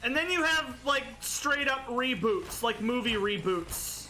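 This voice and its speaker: Young male gaming commentator, high, bright and rambling, with faint game music behind. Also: lively intonation, unhurried. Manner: rambling, jokey, full of likes and restarts. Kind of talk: casual gameplay commentary.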